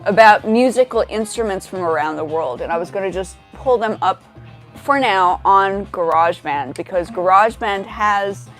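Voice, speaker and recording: A woman's voice: medium pitch, normal speed, faint music behind. A woman from Indonesia hosting a casual livestream on a headset mic, chatting and greeting viewers by name. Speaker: livestream host.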